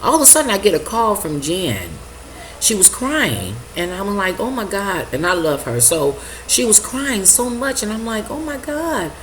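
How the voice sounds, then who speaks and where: An older woman telling an emotional personal story, halting and repeating herself as she acts out her own reactions. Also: mid-range voice, sing-song, fairly bright tone, slight background noise, low-quality recording. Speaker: vlogger sharing a personal testimony.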